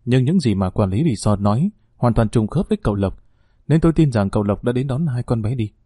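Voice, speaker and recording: A man's voice: mid-range voice, animated, fairly quick, mellow, breathy edge, no room sound, studio quality. A man voicing a shaken middle-aged father who explains himself earnestly and apologizes.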